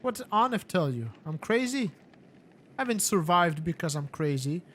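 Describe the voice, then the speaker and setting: A man's voice: high voice, very animated, normal speed, fairly bright tone, a little hiss or hum. A man voicing a sly, mocking male warlord in a story-driven game, speaking in a theatrical manner.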